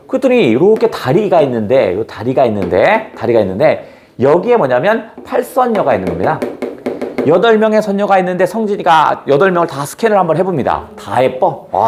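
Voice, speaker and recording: Man, teacher, classroom, storytelling, asks students questions, lively pitch. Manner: animated, quizzes students with questions. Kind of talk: storytelling lesson.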